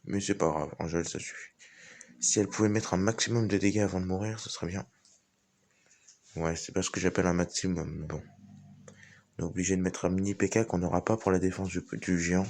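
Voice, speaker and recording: A man's voice: low-pitched, steady tone, brisk, a little mellow. A man giving casual, informal live commentary on a game as he plays, thinking aloud. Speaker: gaming video host.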